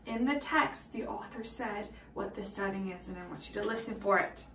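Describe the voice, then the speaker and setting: With a medium-pitched, breathy voice at a moderate pace, she reads a picture book aloud to young children. The teacher tells the story expressively, sometimes dropping to hushed whispers.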